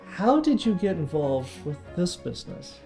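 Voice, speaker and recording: A man with a fairly high, lively voice hosts a casual interview. He asks short questions and adds brief affirmations, with faint music underneath. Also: normal speed, creaky. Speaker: podcast host.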